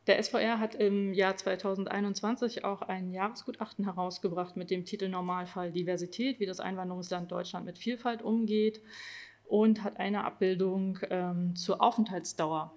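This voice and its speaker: A woman presenting her own research in an academic talk, reading from slides and often pausing on filler sounds. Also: medium pitch, steady tone, a little mellow. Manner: hesitant, frequent filler sounds between phrases.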